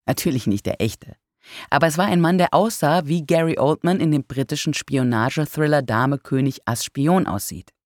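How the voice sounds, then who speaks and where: A narrator reading a first-person book aloud in a calm, measured way with dry humor. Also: medium pitch, no echo. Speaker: audiobook narrator. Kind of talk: scripted audiobook narration.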